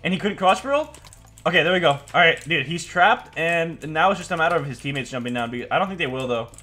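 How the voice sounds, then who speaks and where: A man's voice: on the high side, expressive, fast talker, bright, forceful tone. A young man doing casual gameplay commentary as a video host, talking in a slangy frat-bro way peppered with dude and bro.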